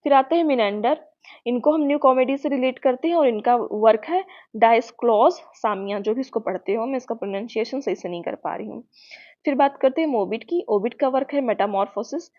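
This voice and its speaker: A woman's voice: on the high side, fairly quick, a little mellow. A woman with an Indian accent giving an exam-prep lecture, explaining patiently and checking in with her students often. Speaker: teacher. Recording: muffled lo-fi sound.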